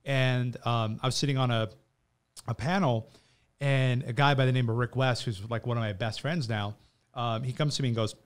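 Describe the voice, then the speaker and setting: A young man guesting on an interview, his pitch sitting squarely in the middle. He tells his stories with animation and slips into other voices whenever he quotes someone. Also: normal speed, clean tone. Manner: animated, acts out quoted people with shifts in voice. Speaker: entrepreneur guest. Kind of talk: storytelling in a casual interview.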